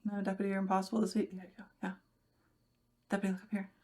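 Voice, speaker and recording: A woman's voice: mid-range voice, completely flat delivery, rapid-fire, darkish tone. A young woman live-streaming from home, rambling chattily to her viewers while she fiddles with something. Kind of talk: casual live-stream chat.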